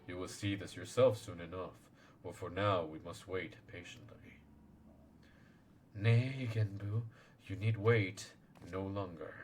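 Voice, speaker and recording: Man doing a low, solemn old turtle guardian. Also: fairly even intonation, unhurried, darkish tone, slight background noise. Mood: grave, formal. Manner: grave, formal archaic speech.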